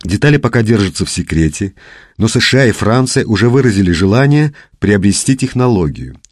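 A man's voice: lowish voice, sing-song, brisk. A man voicing a female TV news anchor in an audiobook, reading a bulletin in a formal, upbeat way.

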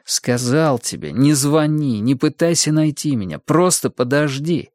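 Reader as a tense hiding man in an audiobook, hushed and exasperated. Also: fairly high pitch, lively intonation, unhurried, no room sound, studio quality, voice pushed up. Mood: exasperated whisper.

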